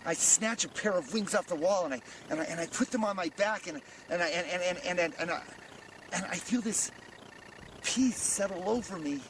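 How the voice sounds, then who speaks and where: A man's voice: high voice, moderate pace, noisy background. A man delivering a comic confessional monologue, stammering and repeating words in frantic, self-mocking bursts.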